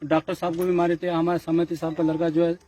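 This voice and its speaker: A man's voice: a little high, monotone, quick pace, dry recording. A man telling an interviewer outdoors, urgently and repetitively, how his group was attacked. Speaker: party worker describing an attack. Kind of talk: agitated street interview account. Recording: loud crowd behind.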